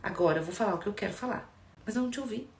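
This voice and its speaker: A Brazilian-accented woman psychologist teaches in a lively, direct way and keeps checking in with her listeners. Her voice sits at an ordinary pitch. The room is echoey, with a faint hum of background noise. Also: rapid-fire, gravelly. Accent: Brazilian Portuguese. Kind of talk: explanatory talk to viewers.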